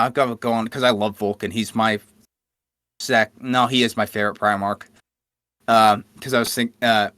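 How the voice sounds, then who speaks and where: A man's voice: mid-range voice, fairly bright tone, dry recording. A man co-hosting a podcast, telling game lore in a profane, enthusiastic casual chat. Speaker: podcast co-host.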